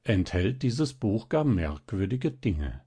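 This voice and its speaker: A man reading aloud and voicing a calm, sly old male magician who talks in a measured, gently smiling way. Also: fairly low pitch, slightly rough, heavily acted.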